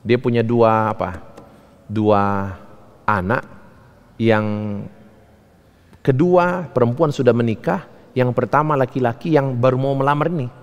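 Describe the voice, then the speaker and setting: A man's voice: mid-range voice, a little slow, pauses often, long reverb tail. A man preaching a sermon as a pastor, telling stories and acting out the dialogue with rising emphasis. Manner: storytelling, acts out quoted dialogue with rising emphasis. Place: church.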